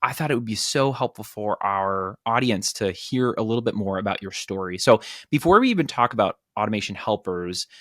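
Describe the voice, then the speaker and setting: A man's voice: fairly low pitch, expressive, fairly quick, few pauses, a bit bright, dry recording, studio quality. A man with a Minnesotan accent hosting a podcast interview, chatty and friendly, with fillers and repeated words. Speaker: podcast host. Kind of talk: conversational interview.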